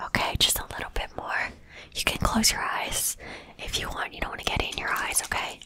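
A woman whispering softly through a whole ASMR roleplay, close to the microphone, repeating gentle words and coaxing the listener to relax. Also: a little fast. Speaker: ASMR creator.

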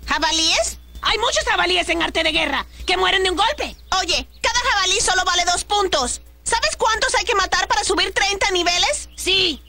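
A woman's voice: very high voice, animated, normal speed, pushed and bright, full character voice. A woman voicing an eager, scheming cartoon schoolboy in a dubbed clip, rattling off numbers matter-of-factly.

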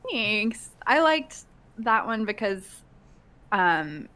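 A woman's voice: medium pitch, very animated, very slow, pushed and bright. A young woman guest from a true crime podcast, chatting casually and emphatically. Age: young adult. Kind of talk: casual chat.

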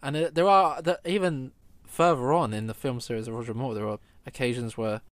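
A man co-hosting a casual film chat, opinionated and animated, stumbling over his words. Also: medium pitch, a little fast, no echo. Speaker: film podcast co-host.

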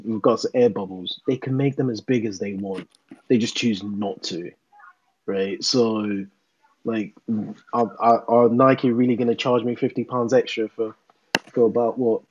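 A man's voice: on the low side, fairly even intonation, moderate pace, darkish tone, no room sound, highs cut off. A man talking casually in a panel discussion, laid-back and rambling with lots of fillers. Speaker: podcast co-host.

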